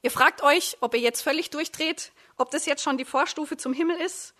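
Preaching a sermon, a discipleship program leader dramatically retells a Bible story in second person, addressing her listeners directly. Her high-pitched voice sounds pushed and bright, at normal speed.

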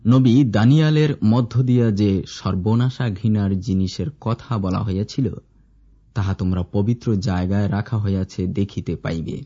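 A man with a low, dark and slightly husky voice reads scripture aloud in a measured, formal recitation. The recording sounds dull and lo-fi. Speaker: scripture reader.

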